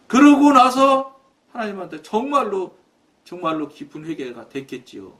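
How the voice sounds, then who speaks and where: A man's voice: high voice, fairly bright tone, far from the mic. A man preaching a sermon, telling a personal testimony and acting out his conversations with God in a storytelling manner.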